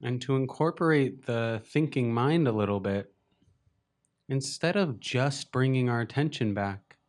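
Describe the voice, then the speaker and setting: In a medium-pitched voice, a man serving as a meditation teacher leads a guided session. His phrases are short and gentle, delivered slowly with long gaps.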